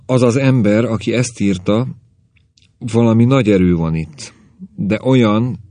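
A man's voice: lowish voice, warm tone, dry recording, voice pushed up, natural voice. A man voicing a tense, solemn male clairvoyant who halts and searches for words in a storybook reading. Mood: uneasy.

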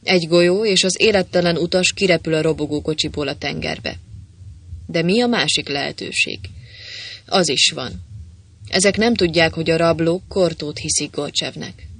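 A man narrates an adventure novel as an audiobook, his voice sitting a little high for a man. He keeps the storytelling brisk. He gives every character a voice of his own. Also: a bit bright.

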